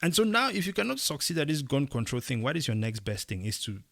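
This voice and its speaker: Casting: young male co-host from Cameroon, gravelly voice, emphatic delivery with animated bursts. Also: on the high side, quick pace. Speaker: podcast co-host. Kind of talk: casual opinion chat.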